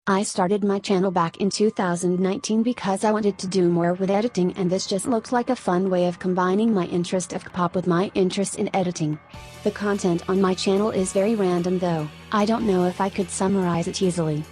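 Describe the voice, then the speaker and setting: A synthetic woman's voice reading out a written answer in an even machine delivery. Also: mid-range voice, fairly quick, soft background music. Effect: text-to-speech voice.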